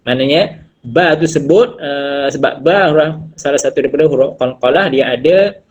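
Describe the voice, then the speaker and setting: Malaysian man teaching in a husky voice. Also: on the high side. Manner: patient, repeats letters slowly to demonstrate pronunciation. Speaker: Quran recitation teacher. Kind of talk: online tajwid class. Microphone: video call. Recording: dull lo-fi video call audio.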